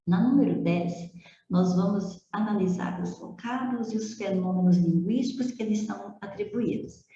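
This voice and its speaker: A woman's voice: mid-range voice, moderate pace, mellow. A woman teaching Portuguese, working through phonetics exercises in a methodical way and often checking in with the listener. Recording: dull roomy recording.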